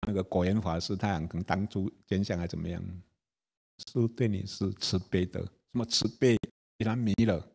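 Buddhist monk giving a relaxed dharma talk, low husky voice, keeps asking if listeners follow. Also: male voice, fairly quick. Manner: chatty, laughs, asks the audience if they follow.

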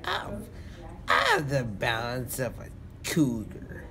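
A man's voice: mid-range voice, very animated, slow, fairly bright tone. A teenage male patient chatting in a groggy, confused way as he regains consciousness from anesthesia. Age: teens. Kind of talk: casual chat. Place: small indoor surgical recovery room. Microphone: phone held near the bed. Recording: noisy phone video in recovery room.

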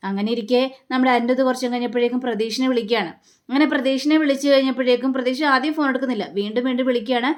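Fast-talking woman recapping a serial. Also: on the high side, fairly even intonation. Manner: run-on retelling with frequent "aa" and "eh" fillers. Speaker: TV serial reviewer. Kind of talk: rapid plot recap narration.

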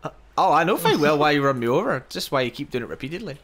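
A man's voice: on the high side, sing-song, very fast, fairly bright tone. A man chatting casually during a co-op game, laughing often and swearing as he teases his friends. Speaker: gameplay streamer. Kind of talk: casual co-op gaming chat.

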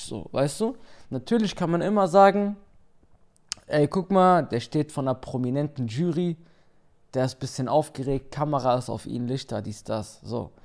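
A man's voice: medium pitch, vocal fry, a little mellow. A young man judging on a panel, talking in casual street slang with a teasing, joking manner. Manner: slangy, teasing, addresses others as brother and cousin. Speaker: panel judge.

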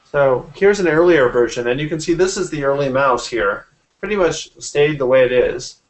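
An animated man in his forties, a graphic artist, speaks at a moderate pace in a mid-range voice as he casually explains his work. The interview happens over a video call from a room at home, recorded at low quality on his computer mic.

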